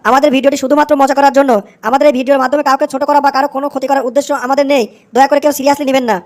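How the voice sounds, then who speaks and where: A woman's voice: high voice, level tone, racing. A woman reading a scripted disclaimer as an announcer.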